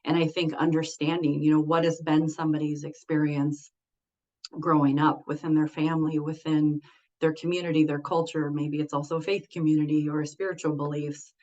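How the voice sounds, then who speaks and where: A woman's voice: sits low, little pitch movement, moderate pace, a little mellow. Woman clinician on a panel, reflective and earnest, dull lo-fi sound. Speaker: mental health clinician. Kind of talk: panel discussion answer. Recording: muffled lo-fi recording.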